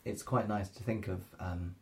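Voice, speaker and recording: A man conducting a local history interview in a measured, tentative way, choosing his phrasing carefully. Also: steady tone. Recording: faint noise with low rumble.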